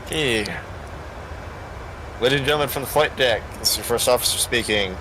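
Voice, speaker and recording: Male pilot over clear cockpit noise. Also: mid-range voice, very fast. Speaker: first officer in a virtual airline flight sim. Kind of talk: casual cockpit chat and passenger announcements. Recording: steady vehicle-like cockpit noise.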